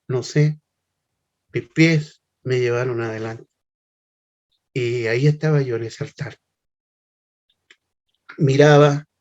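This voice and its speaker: An older man giving a heartfelt, halting personal testimony. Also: mid-range voice, a little mellow. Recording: slightly muffled lo-fi recording.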